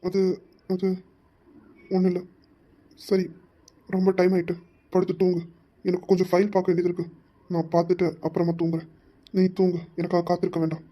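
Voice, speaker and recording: A performer playing a young husband in an audio drama, hard and stern, laying down firm warnings to defend his wife. Mid-pitched and steady. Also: fairly quick, dull audio, natural voice. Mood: quiet. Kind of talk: amateur Tamil audio drama.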